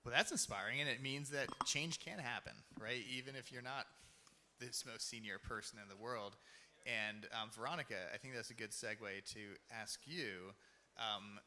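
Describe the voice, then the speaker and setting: A man's voice: mid-range voice, normal speed, pushed and bright, slight background noise. A man moderating a panel discussion, asking questions in a hesitant way.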